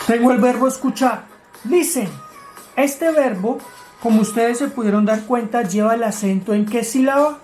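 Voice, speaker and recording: A woman's voice: on the high side, normal speed, darkish tone, faint music behind. A woman teaching grammar, explaining rules step by step in a patient way and asking her students questions. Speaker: English teacher.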